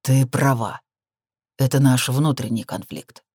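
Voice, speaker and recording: A woman's voice: extremely low pitch, fairly even intonation, measured pace, a little mellow, no echo, clean studio sound. A woman voicing a stubborn male seraph who speaks bluntly and grudgingly. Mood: grim. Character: stubborn male seraph, grim, insistent husband.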